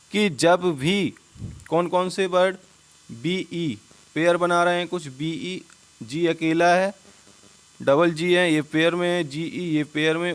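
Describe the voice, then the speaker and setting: A man's voice: on the high side, smooth. Man teaching, quizzing himself as he goes. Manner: asks questions and answers them himself, repeats words. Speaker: English teacher. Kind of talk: Hindi-language spelling lesson.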